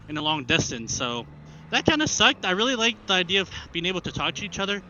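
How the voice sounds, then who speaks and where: A young rider from Arkansas vlogs casually as he goes, his slightly high voice pushed and bright, his talk rambling. Because the headset mic inside the helmet feeds an action camera, the audio is muffled and full of engine and road sound.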